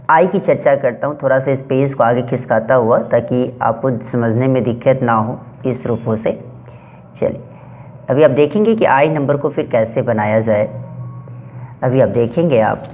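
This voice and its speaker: A male teacher leads a grammar lesson at an unhurried classroom pace. He reads each example sentence out slowly and deliberately, then explains it step by step. Along the way he poses questions to his students and answers them himself. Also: mid-range voice, lo-fi sound, slight background noise.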